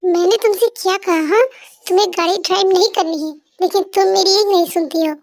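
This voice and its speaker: A stern, protective older brother from an amateur audio drama, played by a woman. He scolds in a very high, light voice, and the recording is dry and close. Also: fairly even intonation, quick pace, no echo. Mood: scolding. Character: young man, strict protective older brother.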